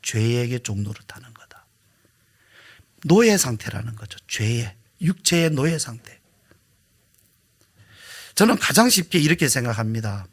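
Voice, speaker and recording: A man preaching a Sunday sermon as pastor, swinging between hushed, whispered asides and loud, emphatic rhetorical questions. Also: medium pitch, very animated, moderate pace, long pauses, slightly rough. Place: church sanctuary.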